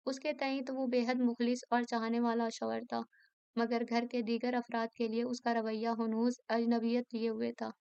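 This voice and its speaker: Smooth-voiced woman reading a novel aloud. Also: on the high side, completely flat delivery, moderate pace, darkish tone, dry recording, highs cut off. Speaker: novel narrator. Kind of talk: scripted narration of an Urdu novel.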